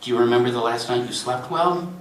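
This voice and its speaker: A man's voice: medium pitch, brisk, reverberant, distant mic, a little hiss or hum, lightly acted, low-quality recording. A man voicing a prim automated telephone menu that turns needling, reading aloud to an audience. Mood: mocking. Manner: clipped menu prompts turning snide. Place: convention reading room.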